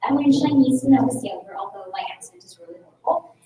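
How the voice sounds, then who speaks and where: A native Tagalog speaker from the Philippines, this high-pitched woman talks fast to a club meeting in a public speaking session with Q&A. With energy and rhetorical flair, she keeps drawing the audience in with questions. The very echoey meeting room, slight distance from the mic, and faint underlying noise color the sound.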